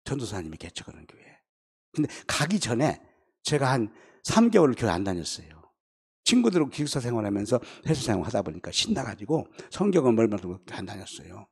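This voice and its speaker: Pastor, male. Gravelly, husky voice. Lively, animated sermon storytelling. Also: medium pitch. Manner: animated storytelling, acting out friends' lines, swings from hushed to loud. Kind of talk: revival sermon with personal story. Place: church.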